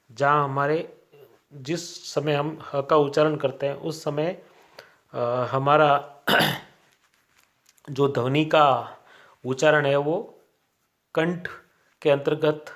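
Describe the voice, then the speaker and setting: A man teaching grammar at a college, speaking deliberately, spelling out sounds one by one and filling pauses with "a". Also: fairly high pitch, a bit bright. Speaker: college Hindi lecturer. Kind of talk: classroom grammar lecture.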